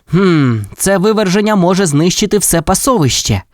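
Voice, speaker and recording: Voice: medium pitch, expressive, moderate pace, no room sound, clean studio sound, voice pushed up, lightly acted. A storyteller voicing a brave, cheerful boy who leads a team of rescue puppies in an audio fairy tale. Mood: urgent. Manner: cheerful, commanding.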